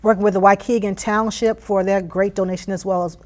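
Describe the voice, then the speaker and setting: Brisk and steady in tone, a mid-range female voice belongs to a youth STEM program leader from Philadelphia, United States. She gives conversational interview answers with earnest emphasis, often repeating phrases for weight.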